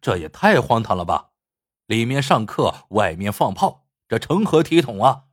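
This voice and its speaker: A man's voice: mid-range voice, very animated, normal speed, no echo, studio quality. A man voicing a stern, officious male education official who talks in a reproachful way.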